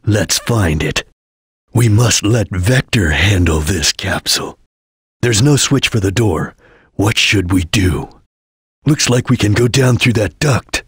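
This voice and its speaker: Espio the Chameleon, husky ninja. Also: male voice, on the low side, lively intonation, fairly bright tone, no echo, clean studio sound, exaggerated voice. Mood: solemn, watchful. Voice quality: husky, gravelly. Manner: terse, solemn, deliberate, formal. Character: serious, vigilant male ninja chameleon. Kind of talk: English video game voice acting.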